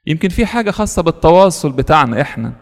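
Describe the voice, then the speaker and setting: A man's voice: on the high side, sing-song, racing, long reverb tail. A man with an Egyptian Arabic accent, a priest telling a story in a sermon, earnest and repeating words for stress.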